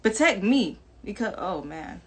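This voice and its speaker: In a husky, mid-range, sing-song voice, she takes her time. The woman, from New York and of Jamaican family with a matching Jamaican-American accent, talks to viewers frankly and emphatically in a personal video, repeating herself and laughing between points.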